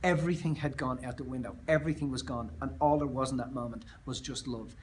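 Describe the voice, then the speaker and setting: An Australian man speaking as a motivational speaker, telling a personal story in an earnest, emphatic way that often trails off softer. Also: medium pitch, fairly even intonation, fast, a little hiss or hum.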